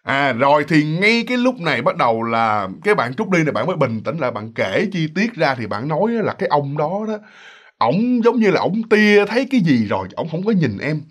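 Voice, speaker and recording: A man tells a ghost story to his listeners. His voice sits high and swoops through a wide range as he chats along, and he slips into the voices of the people in the story. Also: a little fast, husky. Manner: chatty and animated, addresses listeners directly, acts out voices.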